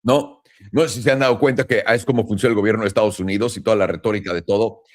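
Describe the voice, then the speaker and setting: A man's voice: lowish voice, fairly even intonation, very fast. A man with a Mexican Spanish accent, a crypto trading commentator, ranting in a casual, blunt and profane monologue, full of sarcasm. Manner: blunt, profane and sarcastic, mocking others in put-on voices.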